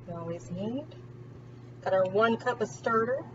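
A woman with a mid-range voice and a measured pace hosts a home cooking vlog, chatting casually and thinking out loud as she moves around her kitchen. Her camera is placed on the counter some distance away, so the recording sounds distant and dull amid loud background noise.

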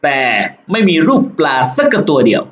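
A man teaching English, going over exam questions. He reads the English lines slowly, then explains them and jokes about the test. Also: on the high side, huge pitch swings. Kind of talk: exam walkthrough lesson. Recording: echoey lo-fi room with faint hiss.

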